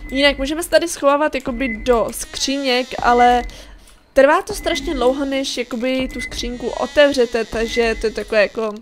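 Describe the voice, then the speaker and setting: A young woman hosting casual let's-play commentary, chattily explaining the game to her viewers. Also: high-pitched. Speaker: gaming channel host.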